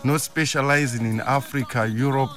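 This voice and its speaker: A man hosting an informal radio show with a sing-song, drawn-out welcoming delivery that often repeats phrases. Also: mid-range voice, fairly even intonation, fairly bright tone. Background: music.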